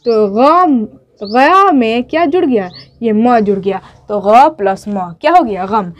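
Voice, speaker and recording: High-pitched lady teacher at a board, goes slow, keeps checking students follow. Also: expressive. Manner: patient, repeats each step, checks with "ठीक है". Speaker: Urdu teacher. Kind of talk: whiteboard writing lesson.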